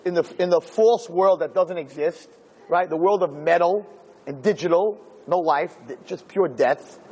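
This informal Torah class has a rabbi addressing an audience in a lecture room, emphatic and constantly asking rhetorical questions. His voice is on the high side, husky and darkish, at normal speed, in a low-quality recording.

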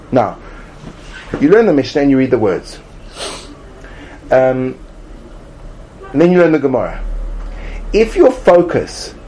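A man teaching a Talmud study class, emphatic and animated, acting out little voices to make his points. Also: a little high, a little hiss or hum. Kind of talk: classroom lecture.

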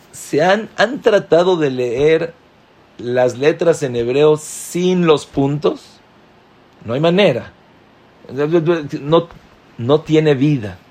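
A man teaching a Torah class, speaking slowly and emphatically, with sudden leaps in pitch on key words. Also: darkish tone. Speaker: rabbi.

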